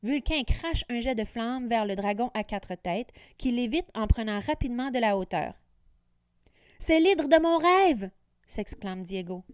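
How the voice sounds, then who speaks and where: A woman teacher reading a children's storybook aloud with clear, careful diction. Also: fairly high pitch, moderate pace, hardly any pauses, dry recording, studio quality. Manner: clear, careful diction with lively voices for characters.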